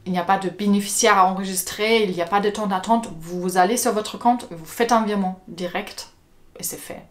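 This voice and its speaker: A woman's voice: medium pitch, steady tone, fairly quick. A woman from Germany with a German accent, telling personal stories casually to her viewers, with many hesitations and repeated words. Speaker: vlogger. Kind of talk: casual personal storytelling to camera.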